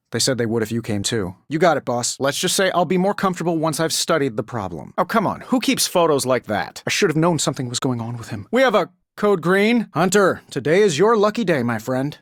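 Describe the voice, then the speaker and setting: A man playing a cocky, quick-witted billionaire inventor superhero in a video game, with a glib, sardonic, wisecracking delivery. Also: mid-range voice, dry recording, studio quality, lightly acted. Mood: weary, troubled, then upbeat, boastful. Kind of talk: scripted video game voice lines.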